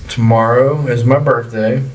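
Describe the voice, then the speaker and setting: An easygoing man in his late thirties, mid-pitched, rambles through stories from work and life. He sits a little away from the mic, so he sounds slightly distant. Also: steady tone, a little slow. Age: 30s. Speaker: podcast co-host. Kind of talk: casual chat.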